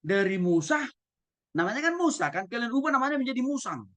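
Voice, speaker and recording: A male pastor with an extremely high-pitched voice speaks quickly as he gives a teaching sermon. He's lively, putting questions to his listeners and acting out examples.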